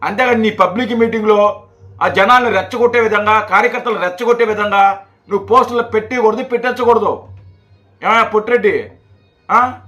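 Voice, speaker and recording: A man's voice: high voice, brisk, bright, forceful tone, dull audio, soft background music. A man giving heated, mocking political commentary on a video channel. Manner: mocking, scolding, repetitive.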